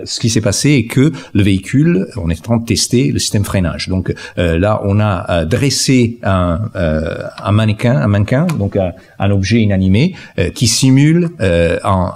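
A man's voice: lowish voice, expressive, normal speed, a little mellow. A man giving an academic lecture to an audience, talking through slides with frequent hesitations and fillers. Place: lecture hall.

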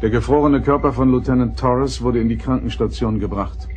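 An actor playing an authoritative, composed starship captain in a science-fiction radio play, firm and articulate. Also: male voice, medium pitch, fairly even intonation, brisk, close to an everyday voice. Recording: radio play with loud music underneath.

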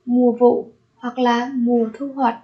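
A woman's voice: a little high, flat delivery, muffled recording. A woman teaching an English lesson, saying each word twice and then explaining it. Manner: repeats each word slowly, then glosses it. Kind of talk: vocabulary lesson.

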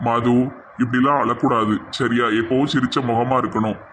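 A man with a Tirunelveli accent acting in a scripted village comedy sketch, talking in a coaxing, gently scolding way. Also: mid-range voice, steady tone, moderate pace, slight background noise. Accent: Tirunelveli Tamil.

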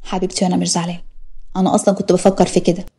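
A woman voicing a devoted young husband in an audio story, speaking softly and reassuringly with an Egyptian accent. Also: fairly low pitch, level tone, rapid-fire, husky. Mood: tender. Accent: Egyptian Arabic.

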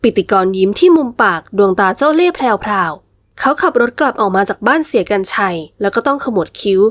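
A woman narrates a romance novel audiobook with steady, expressive storytelling. Her voice sits somewhat high, and the recording is close and dry with no room sound. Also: fairly quick, no room sound.

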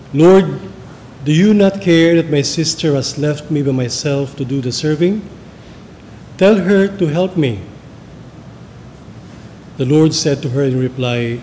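A Filipino man, a priest, reading the Gospel and preaching at Mass in a measured, formal way, his voice carried by a cathedral echo. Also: a little mellow. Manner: measured, formal liturgical delivery. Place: large church. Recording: long church reverb, faint rumble.

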